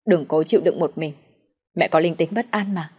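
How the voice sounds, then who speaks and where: A woman's voice: deep voice, normal speed, a little mellow, slightly rough. A woman voicing a worried middle-aged mother pleading over the phone. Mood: anxious. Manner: anxious, pleading.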